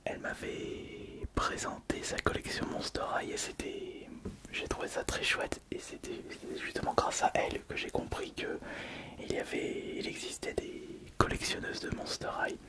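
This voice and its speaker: A man whispering an intimate ASMR monologue, very close, as if right in the listener's ear. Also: normal speed. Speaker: ASMR video host.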